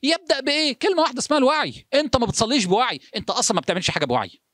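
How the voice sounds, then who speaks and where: A man with an Egyptian accent giving a motivational sermon, firing rhetorical questions at the listener and dropping to hushed, slow phrases for emphasis. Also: very high-pitched, animated, dry recording, clean studio sound. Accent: Egyptian Arabic. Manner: asks the listener rhetorical questions in quick succession; shifts between urgent speech and hushed, slowed phrases. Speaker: religious speaker.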